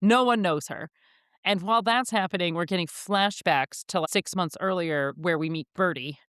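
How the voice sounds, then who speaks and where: A woman's voice: fairly low pitch, normal speed, clean tone, no room sound, studio quality. Chatty young woman co-hosting a podcast. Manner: animated, lots of "like" fillers. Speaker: podcast co-host. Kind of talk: casual book chat.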